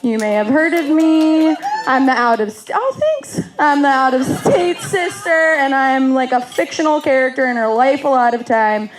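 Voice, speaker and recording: A woman's voice: sits high, normal speed, background noise. A woman in her thirties, the bride's oldest sister, giving a wedding toast with self-deprecating humor, laughing through her lines and getting emotional.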